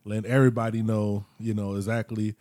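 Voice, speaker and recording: A man in his late thirties talks in a loose, unhurried way, often stretching his words and dropping in slang. His voice is dark and mellow, recorded close in a dry room. It sounds like casual podcast talk among friends. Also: lowish voice, flat delivery, dry recording. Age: 30s. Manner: reflective, drawn-out, slangy. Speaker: podcast co-host. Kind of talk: casual chat.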